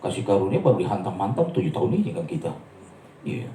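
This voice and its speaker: A man preaching a sermon, telling stories with lively acted-out quotes. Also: deep voice, fast, roomy sound, distant mic, a little hiss or hum, poor audio. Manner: animated storytelling, acts out quotes. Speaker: pastor. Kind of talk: sermon with storytelling. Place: church.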